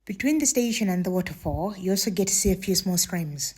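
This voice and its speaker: A woman's voice: mid-range voice, lively intonation, fairly quick, darkish tone, slight background noise. A woman casually narrating her travel vlog in a chatty, candid way, admitting when she is unsure how to say a name. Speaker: travel vlogger.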